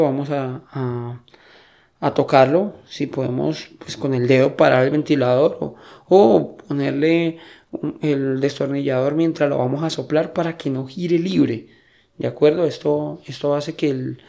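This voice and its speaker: A man's voice: a little high, creaky, dark tone. A man hosting a computer-maintenance tutorial, explaining step by step in a casual way and often checking that his listeners follow. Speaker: tech tutorial host.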